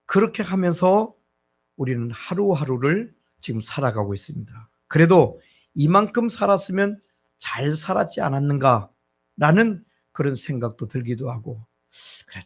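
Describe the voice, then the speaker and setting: A middle-aged man preaching, his gravelly voice rising and falling with lively swings of pitch. His tone is slightly husky. He talks to the congregation conversationally and keeps asking rhetorical questions. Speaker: pastor. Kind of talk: sermon.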